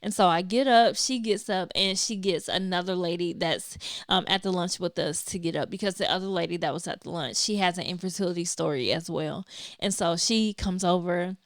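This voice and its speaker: A woman podcaster telling a personal faith story, acting out her own reactions in lively, animated storytelling. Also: on the low side, brisk, dry recording, clean studio sound. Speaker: podcaster and videographer. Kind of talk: personal testimony vlog.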